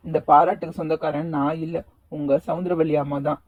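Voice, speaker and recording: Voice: mid-range voice, steady tone, moderate pace, no echo, phone-quality sound, lightly acted. A voice actor playing a friendly, teasing young man in a cartoon, speaking in a coaxing, easygoing way. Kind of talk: cartoon voice acting.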